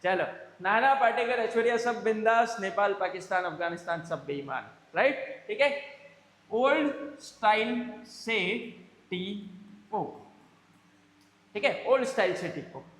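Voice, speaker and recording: A man's voice: sits high, animated, normal speed, a bit bright. A male teacher giving a playful classroom lecture, teaching with comic memory tricks and calling his students "beta". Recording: echoey classroom with long reverb.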